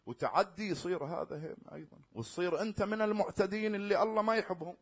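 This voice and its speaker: A man preaching a religious sermon in a casual spoken style. He swings between loud, rising stresses and quiet, low asides, draws out scripture slowly, and keeps checking that his listeners follow. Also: breathy edge. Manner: slow drawn-out recitation of scripture; addresses listeners directly and checks they follow.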